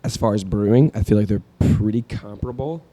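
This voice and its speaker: A young man co-hosting a coffee podcast, bantering with deadpan, goofy humor and talking through brewing gear. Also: fairly low pitch, brisk. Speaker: podcast co-host. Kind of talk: casual chat.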